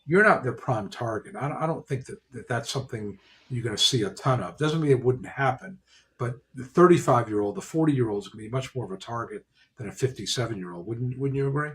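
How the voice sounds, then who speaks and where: Guy lawyer hosting, explaining stuff practically, lots of you-knows, mid pitch. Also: expressive, fairly quick. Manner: explains in a practical way, many "you know" fillers. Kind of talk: explanatory casual discussion.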